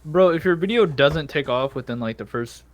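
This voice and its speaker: A man's voice: a little high, expressive, normal speed, no echo. A young man hosting a podcast in casual chat, rambling and self-mocking, with plenty of swearing. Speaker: podcast host.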